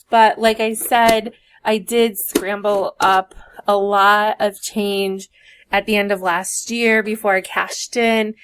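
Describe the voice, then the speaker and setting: A woman teacher chatting casually as she works through savings challenges on her vlog, thinking aloud as she goes. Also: a little high. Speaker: teacher and budgeting vlogger. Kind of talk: casual chat while doing savings challenges.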